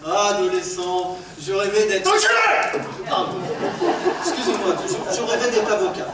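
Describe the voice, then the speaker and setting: An actor on stage playing a courteous, apologetic man with Tourette's who suddenly shouts obscenities. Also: sits high, normal speed, far from the mic, crowd noise, natural voice. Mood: apologetic, polite. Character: polite middle-aged man with Tourette's blurting insults. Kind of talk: amateur stage play. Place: theatre stage. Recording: echoey hall miked from afar, background noise.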